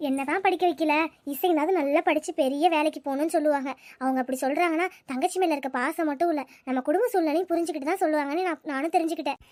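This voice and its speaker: A woman's voice: high voice, very fast, few pauses, darkish tone, dry recording, natural voice. A woman voicing a caring, talkative village schoolgirl, coaxing and reassuring her friend. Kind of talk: cartoon voice acting.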